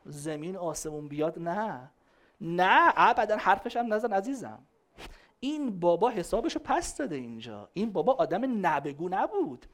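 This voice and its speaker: A woman giving a lively religious lecture on family and parenting to a live audience. She speaks conversationally and answers questions from the audience. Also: medium pitch. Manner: emphatic, conversational, acting out quoted voices.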